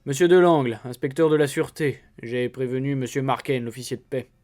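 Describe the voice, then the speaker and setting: A man voicing a brisk, self-assured swindler posing as a police inspector in a read-aloud story. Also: medium pitch, steady tone, darkish tone, natural voice. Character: smooth-talking fake police inspector, brisk.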